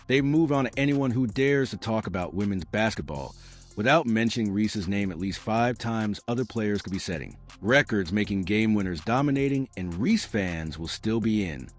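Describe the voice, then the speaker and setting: A man with a low voice narrates a scripted celebrity-news piece. His delivery is sarcastic and theatrical, with lively swings in pitch. Faint music plays behind him. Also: moderate pace. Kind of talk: scripted mocking commentary.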